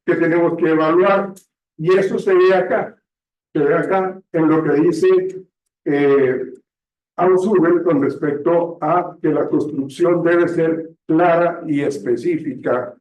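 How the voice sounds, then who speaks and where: A man teaching a classroom lecture, often pausing to check understanding, recorded from a distance in a classroom. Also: a little high, steady tone, darkish tone. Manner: slow, checks understanding with frequent "¿sí?". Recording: echoey room, distant mic, dull sound.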